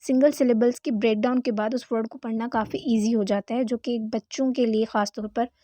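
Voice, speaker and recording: A young woman teaching an online English grammar lesson, explaining slowly and mixing in English terms. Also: fairly high pitch, fairly even intonation, warm tone, no room sound.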